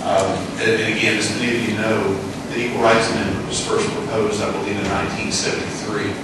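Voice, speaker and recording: A man's voice: on the low side, little pitch movement, a little fast. Earnest middle-aged man testifying in an echoey hall. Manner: earnest, explanatory, rhetorical questions. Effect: echoey hearing-room recording from far off. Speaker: witness testifying before a committee. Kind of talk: spoken testimony. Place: legislative committee hearing room. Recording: echoey distant room with hiss.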